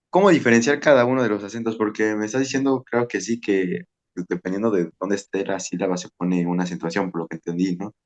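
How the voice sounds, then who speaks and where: A man's voice: lowish voice, muffled recording. A man hosting a casual podcast discussion, asking curious questions and repeating words as he thinks.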